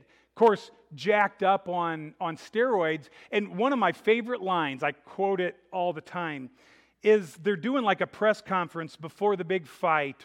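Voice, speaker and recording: A man's voice: sits high, a bit bright. A man preaching a sermon as pastor, chatty and joking at times, earnest when preaching. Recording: reverberant hall.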